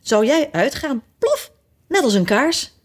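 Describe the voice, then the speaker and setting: Woman doing Tweedledee, a high, touchy twin. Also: sing-song, slow, heavily acted. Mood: taunting. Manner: contemptuous, easily enraged. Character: excitable touchy little twin man.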